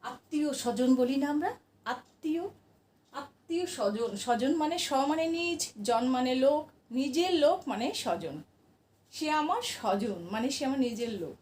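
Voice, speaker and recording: Woman teacher, high voice, patient question-and-answer lesson, distant mic with room echo. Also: animated, moderate pace, a little mellow, a little hiss or hum. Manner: patient, asks the class questions and answers them herself. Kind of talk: classroom grammar lesson.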